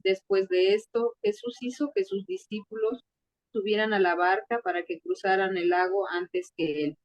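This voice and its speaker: A woman reading a scripture passage aloud at a steady, measured pace, now and then correcting a word. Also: medium pitch, no room sound, rough recording. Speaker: scripture reader.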